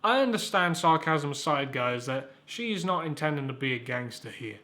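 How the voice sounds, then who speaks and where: A man's voice: on the high side, animated, moderate pace, sharp tone. A young man hosting a comedic review, rambling and sarcastic, with stammered restarts and casual swearing. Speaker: YouTube reviewer, host. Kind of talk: casual comedic video commentary.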